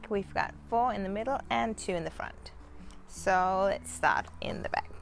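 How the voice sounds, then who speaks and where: A woman in her thirties casually demonstrating equipment as a channel host, relaxed and chatty, recorded outdoors in a garden on a lapel mic. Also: medium pitch, creaky.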